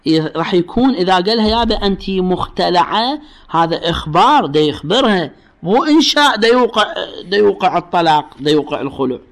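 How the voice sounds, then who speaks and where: An Iraqi man teaching religious law in a lecture. His voice is a little high for a man, with a gravelly, fry-laden edge. He explains patiently, says the key phrases twice and keeps asking his students questions. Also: sing-song, fast, fairly bright tone. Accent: Iraqi Arabic. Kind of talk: classroom lecture on jurisprudence.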